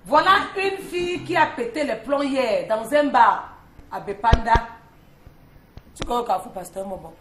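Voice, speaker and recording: A woman's voice: on the high side, animated, moderate pace, fairly bright tone, roomy sound, a little hiss or hum. A woman columnist on a morning talk show, telling a street story in a chatty, teasing way. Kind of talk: lively storytelling chat.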